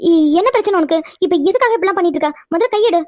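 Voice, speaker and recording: A woman's voice: very high-pitched, rapid-fire, a little mellow. A woman voicing a sulky young woman in a cartoon who protests and stammers when cornered. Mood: flustered. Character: young woman Aishwarya, sulky and easily upset. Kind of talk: cartoon voice acting.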